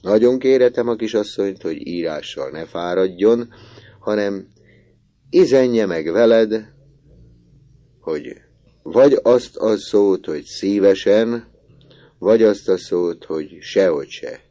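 A gruff, bossy older gentleman who booms his warnings and scolds freely, as a man reads him aloud. The voice sits low and dark underneath the raised bluster, and the storybook reading keeps it steady. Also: pauses often, lightly acted. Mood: stern. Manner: scolding, booming, mocking. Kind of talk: audiobook character reading.

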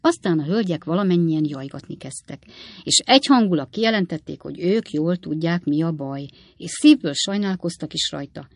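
Casting: woman narrator, lowish voice, dry close studio sound, measured storytelling. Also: lively intonation, a little mellow, no echo. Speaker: audiobook narrator. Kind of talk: scripted narration of a classic novel.

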